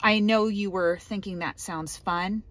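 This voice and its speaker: A woman's voice: medium pitch, steady tone, a little slow, a bit bright. A woman talking casually on a hike, thinking aloud and sprinkling in fillers. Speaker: hiking companion. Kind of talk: casual chat. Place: outdoors on a mountain trail.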